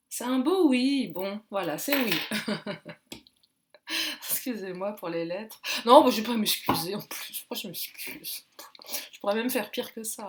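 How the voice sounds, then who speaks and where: A woman doing casual card and pendulum readings. She talks in a jokey, rambling way and often laughs at her own asides. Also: medium pitch. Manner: loose and rambling, with many fillers. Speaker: intuitive card and pendulum reader. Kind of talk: casual chatty guidance video.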